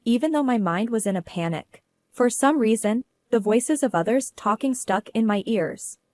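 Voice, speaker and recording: A woman telling a first-person story as narrator, in a steady, earnest way. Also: fairly high pitch, normal speed, no room sound.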